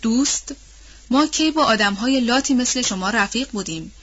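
A woman's voice: medium pitch, husky, muffled recording. A woman reading a scornful, fiery young woman. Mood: furious. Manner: sharp, scornful, commanding. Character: furious proud young landowning woman.

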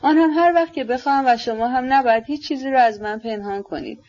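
A woman's voice: sits high, a little mellow, natural voice. A woman voicing a proud, impulsive young woman who speaks with passionate, defiant emphasis, in a dull lo-fi recording. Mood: fervent, defiant.

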